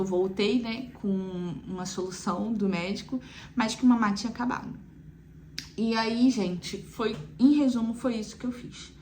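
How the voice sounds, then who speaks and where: A woman's voice: medium pitch, darkish tone, slight background noise. A young woman, chatting casually to viewers as a mother recounting her experience, with frequent "né" asides. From Brazil. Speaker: mother telling her weaning story.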